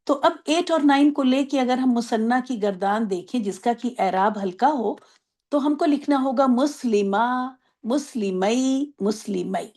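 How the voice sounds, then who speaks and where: A woman teaching an online Arabic grammar class, explaining patiently, asking if everyone follows, and drawing out example words slowly. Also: fairly high pitch, darkish tone. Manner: explains patiently, asks checking questions.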